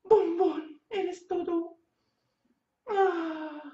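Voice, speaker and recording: A woman's voice: very high-pitched, fairly even intonation, drawn-out words, warm tone, full character voice. A woman voicing a panicky, melodramatic female puppet who wails and shrieks. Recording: roomy, distant, dull sound.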